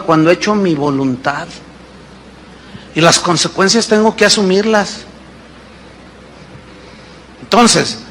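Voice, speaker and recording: A man's voice: sits high, a bit bright. A man, preaching a sermon as pastor, emphatic, with rhetorical questions and acted-out dialogues. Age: 50s.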